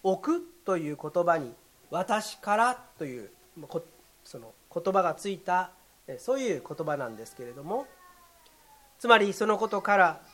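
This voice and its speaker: A pastor delivering a sermon in a measured, formal way, with occasional short fillers. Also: mid-range voice, a bit bright.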